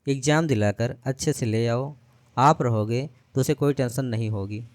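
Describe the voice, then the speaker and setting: A man voicing a calm, practical married woman giving instructions, in a dry storytelling read. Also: mid-range voice, normal speed, no echo, natural voice.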